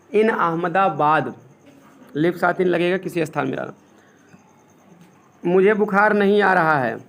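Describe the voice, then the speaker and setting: A male English teacher explaining grammar step by step, asking the class questions and dictating English sentences slowly. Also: high voice. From India. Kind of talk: classroom lesson.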